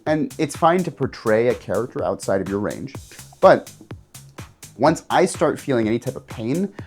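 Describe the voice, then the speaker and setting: A man, a game master, teaching tabletop players how to do voices in a casual instructional video, jumping his pitch up and down to demonstrate. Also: normal speed, faint music behind. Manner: animated, jumps pitch up and down to demonstrate.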